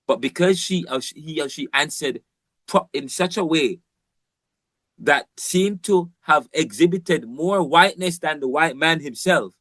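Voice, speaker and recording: A man's voice: a little high, unhurried, fairly bright tone, dry recording. A man from Jamaica, giving an informal, rambling university lecture with emphatic repeats and frequent restarts.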